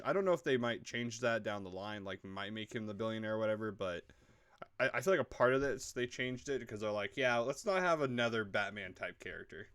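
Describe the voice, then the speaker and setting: Guy co-hosting a show review, rambly, tons of "like", swears a lot, mid-pitched. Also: fairly bright tone. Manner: rambling, filler-heavy, swears freely. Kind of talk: casual chat.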